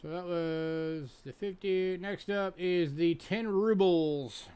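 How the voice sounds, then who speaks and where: Man, auction host, casual, chatty, slightly high voice, smooth clear tone. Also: slow, a little mellow. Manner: chatty, joking, upbeat. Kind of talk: casual live-stream selling.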